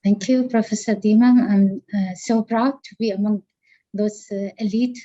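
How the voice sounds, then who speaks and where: A woman, a physician introducing herself on a panel, pausing often with fillers as she speaks. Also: medium pitch, fairly even intonation, mellow, dry recording, highs cut off. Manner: hesitant, many pauses and fillers. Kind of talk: formal self-introduction.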